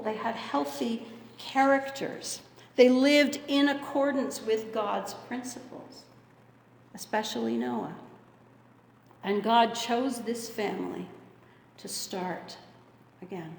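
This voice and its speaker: A woman's voice: on the high side, creaky. Earnest woman pastor in an echoing hall. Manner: measured, earnest delivery with dramatic pauses. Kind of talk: sermon. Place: church sanctuary. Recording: echoey hall with long reverb.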